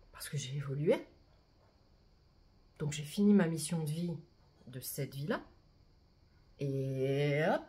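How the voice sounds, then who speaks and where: Mellow-voiced woman reading oracle cards. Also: low voice. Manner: chatty, repeats "hein" and "d'accord" often; reads mantras slowly and softly. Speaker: oracle card reader. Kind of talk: spiritual card reading talk to viewers.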